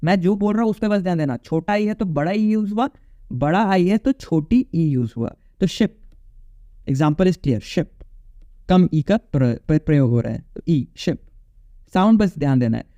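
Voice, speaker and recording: A man's voice: on the high side, animated, normal speed, dark tone, dry recording, dull audio. A male English teacher giving a casual exam-prep phonetics lecture, repeating points and checking in with his students. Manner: casual, repetitive, checks in with "okay?".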